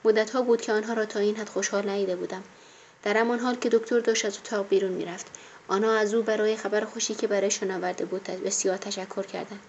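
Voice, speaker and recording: A woman narrates a first-person audiobook at a measured, even pace, her voice sitting in a plain middle register. The audio is dull and lo-fi, with a faint hiss running underneath. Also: medium pitch.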